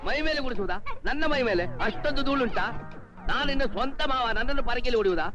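A fussy comic uncle. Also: male voice, very high voice, animated, fast talker. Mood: indignant. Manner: pleading, fussy and chattering. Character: comic meddling uncle, fond of his niece. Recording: dull film soundtrack with loud music.

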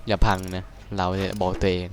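A young man giving casual, excitable game commentary, swearing crudely and yelping at scares. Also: low voice, fast, a little hiss or hum. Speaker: gaming streamer.

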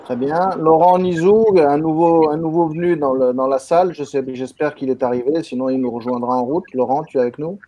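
A man moderating a video meeting, briskly calling on each participant by name. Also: on the high side, fairly even intonation, warm tone, slight background noise. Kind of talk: casual introductions on a video call.

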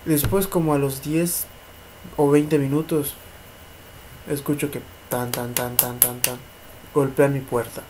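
Speaking slowly with long pauses, a young paranormal vlogger with a Mexican accent tells a ghost story at home one night as a neighbours' party goes on outside. His medium, slightly mellow voice moves little in pitch; he rambles, repeats himself and mimics knocking, with slight background noise.

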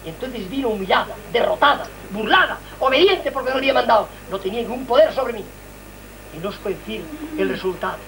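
A man's voice: very high-pitched, expressive, fast, creaky, a bit bright, a little hiss or hum, low-quality recording. An older man from Valencia, Spain, giving a fervent religious testimony and telling his listeners the story with drama. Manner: dramatic, impassioned storyteller who addresses listeners directly.

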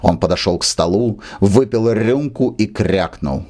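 A man narrating a classic short story with an expressive literary reading. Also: lowish voice, measured pace. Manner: expressive reading, lively intonation.

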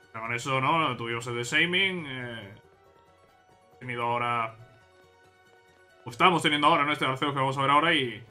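Excitable Spanish gamer, very bright voice. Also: male voice, medium pitch. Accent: Spain Spanish. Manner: chatty, talks to himself and viewers while playing, bursts of excitement. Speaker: gaming channel host. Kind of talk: casual let's play commentary.

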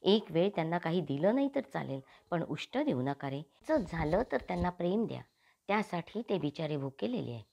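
A woman's voice: lowish voice, big pitch swings, a little fast, gravelly, a little mellow, exaggerated voice. A woman voicing an earnest, compassionate male spiritual thinker in an audiobook, pleading in inner monologue. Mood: impassioned. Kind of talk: audiobook character reading.

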